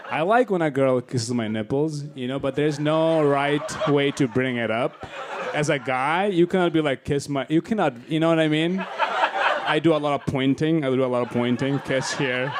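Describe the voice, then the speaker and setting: A man's voice: mid-range voice, background noise. A young man from Bangladesh doing a stand-up set, teasing the audience with crass, brash banter on a club stage. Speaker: stand-up comedian. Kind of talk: stand-up set with crowd work. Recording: club set with roaring crowd laughter. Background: loud audience laughter.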